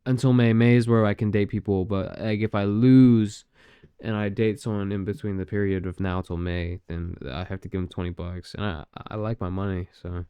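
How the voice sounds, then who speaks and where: A man's voice: on the low side, fairly even intonation, moderate pace, dark tone, smooth, no room sound. A young man co-hosting a podcast, teasing his friend in slangy, joking banter. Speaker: podcast co-host. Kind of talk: casual podcast chat.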